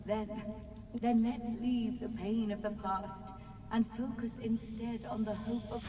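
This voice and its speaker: An unearthly female spirit of an old tree , acted by a woman for a video game, tormented and solemn. The delivery is slow and dramatic. The voice rings through a big echoing hall with music behind it. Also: a little high, flat delivery, dark tone, recorded from a distance, natural voice. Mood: anguished, haunted. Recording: reverberant hall effect over music.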